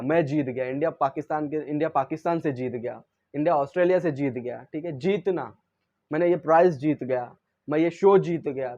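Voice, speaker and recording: A man's voice: a little high, darkish tone, lo-fi sound. A man teaching English verbs in Hindi. He asks and answers his own questions and recites each verb's forms in English. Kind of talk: classroom-style lesson.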